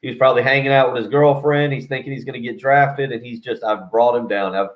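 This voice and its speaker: A man's voice: medium pitch, fairly even intonation, fast talker. A man talking casual sports as a guest over the phone, rambling and interrupting himself. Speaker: radio host as call-in guest. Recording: muffled phone line.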